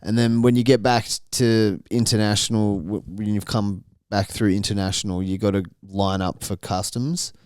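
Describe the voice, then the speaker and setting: A man's voice: fairly low pitch, fairly even intonation, moderate pace, few pauses, a little mellow, smooth, no echo, studio quality. A young Australian man co-hosting a podcast, telling crude, swear-filled stories in casual chat. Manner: crude, profanity-heavy storytelling with laughs. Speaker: podcast co-host.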